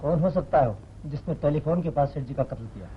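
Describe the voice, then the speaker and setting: An actor playing a stern police inspector, questioning a suspect with authority in a 1950s film. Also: male voice, fairly high pitch, animated, fairly quick, slight background noise, close to an everyday voice. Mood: probing. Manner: interrogating, authoritative. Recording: dull old film soundtrack.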